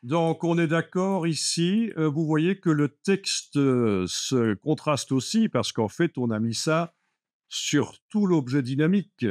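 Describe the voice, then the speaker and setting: A man's voice: fairly high pitch, expressive, takes it slowly, a little mellow, no echo, studio quality. A man teaching a live Photoshop class, explaining steps patiently with many fillers like "euh" and "voilà". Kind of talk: live classroom software lesson.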